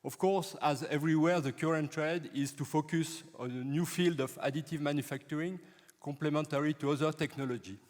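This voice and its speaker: Man, halting welcome. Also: fairly high pitch. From France. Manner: halting, with repeated words. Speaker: conference co-chair, professor. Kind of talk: formal welcome speech. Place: large conference hall. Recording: reverberant conference hall.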